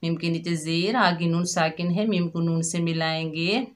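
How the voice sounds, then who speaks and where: A woman teaching Quran recitation in a slow, patient lesson, explaining each letter's sound and repeating it. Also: on the low side, steady tone. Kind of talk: slow step-by-step tajweed lesson.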